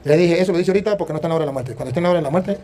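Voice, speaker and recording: Fast-talking priest, high-pitched. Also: male voice, slight background noise. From Venezuela. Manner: animated, emphatic, tells anecdotes with quoted dialogue. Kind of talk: preaching and storytelling.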